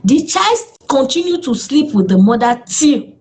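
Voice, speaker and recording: A Nigerian woman speaking as a therapist in an interview, earnest and lively, with exclamations in her stories. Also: sits high, normal speed. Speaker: therapist guest. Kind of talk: interview conversation.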